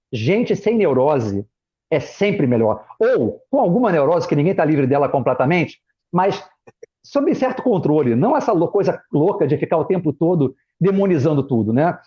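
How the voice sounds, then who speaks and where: A middle-aged Brazilian man with a high, slightly husky voice tells personal stories as a guest in a relaxed chat. He is a former pastor and acts out his children's voices as he goes. The sound is dull and lo-fi, like a streamed call. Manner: animated, acts out family members' voices in quotes. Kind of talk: casual chat, personal storytelling. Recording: muffled lo-fi live stream audio.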